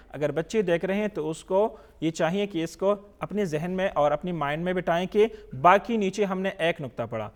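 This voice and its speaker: A man with a Pakistani accent teaching a televised Quran reading lesson, patiently drilling each letter with slow, drawn-out recitation and English words mixed into his explanations. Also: sits high.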